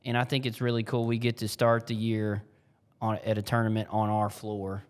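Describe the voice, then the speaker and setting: Man, low-pitched, relaxed plainspoken coach chatting casually. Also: smooth. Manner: easygoing, plainspoken, drawn-out explanations. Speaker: girls' basketball coach and podcast co-host. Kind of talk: casual chat.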